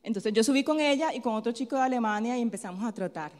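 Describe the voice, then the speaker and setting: A woman delivers a sermon in a fairly high voice. She keeps asking questions and answering them herself, tagging her lines with a quick "¿sí?". Her words ring on in a long hall reverb. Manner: tells a personal story in a softer, chatty tone. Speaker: preacher. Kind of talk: sermon with call-and-response questions.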